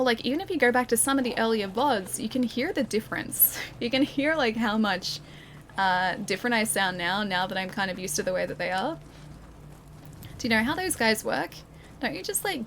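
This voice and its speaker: A young woman with a fairly high, fairly bright voice streams a video game, and a little hiss or hum can be heard. Her commentary is casual as she talks with live chat, often laughing and beginning her sentences again.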